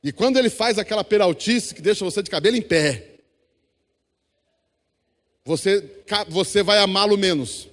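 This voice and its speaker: A man's voice: sits high, moderate pace, pauses often. A man with a Brazilian accent preaching a sermon in church, exhorting the congregation and calling for responses. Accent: Brazilian Portuguese. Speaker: pastor. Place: church hall. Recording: long church hall reverb.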